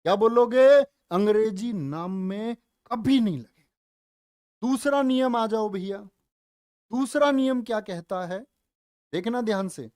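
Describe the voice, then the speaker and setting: Male teacher, live online class, unhurried delivery, dry close sound, coaxing, answers his own questions. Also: high-pitched, darkish tone, no echo. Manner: coaxing, calls students dear children and brother; asks the class questions and answers them himself. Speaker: Hindi teacher.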